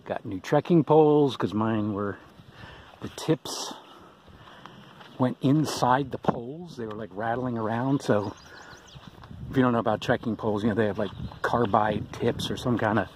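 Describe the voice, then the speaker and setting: A middle-aged man records a casual trail vlog outdoors on a handheld camera. He rambles easily with plenty of ums. Outdoor noise is clearly heard behind him, and his voice sits at an ordinary pitch for a man. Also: normal speed, rough recording. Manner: chatty, rambling, with ums and uhs. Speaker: thru-hiker vlogger.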